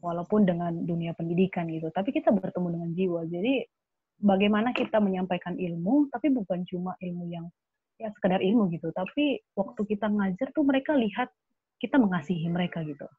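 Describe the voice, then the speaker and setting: Young woman guest, earnest chatty talk, kinda husky, sounds like a phone line. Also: lowish voice, brisk, dry recording. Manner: earnest, animated, many fillers. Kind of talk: casual testimony chat.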